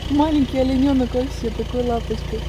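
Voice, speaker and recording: A woman in her thirties making a casual travel vlog, with lively, playful remarks in the car and outdoors. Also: sits high, brisk. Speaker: travel vlogger. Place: in a car and outdoors in a rainy forest. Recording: noisy outdoor and car recording.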